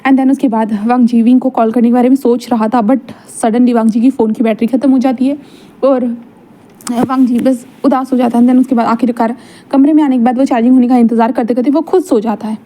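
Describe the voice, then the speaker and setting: High-voiced woman telling a story. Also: fairly even intonation, fairly quick, mellow. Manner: chatty, retells with "and then" fillers. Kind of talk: casual fan-fiction storytelling.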